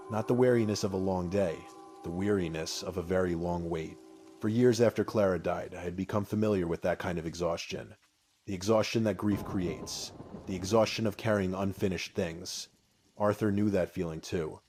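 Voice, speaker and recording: A man with a low, weighty voice reads a scripted horror story in the first person. His delivery is solemn and measured, leaving deliberate pauses between short phrases. Soft music plays behind him.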